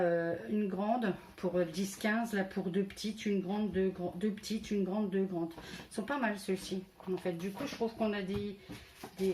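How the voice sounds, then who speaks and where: Counting each item aloud as she displays it, a French scrapbooking vlogger walks through a casual haul, hesitant and full of fillers. She has a medium-pitched voice against a noisy background.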